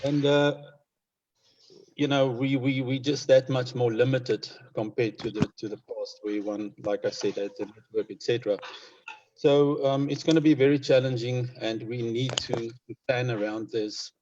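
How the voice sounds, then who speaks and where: A man with a Namibian accent speaking as a conservationist in an informal interview, in a hesitant, measured and concerned manner. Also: mid-range voice, steady tone, background noise. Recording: dull lo-fi online call audio.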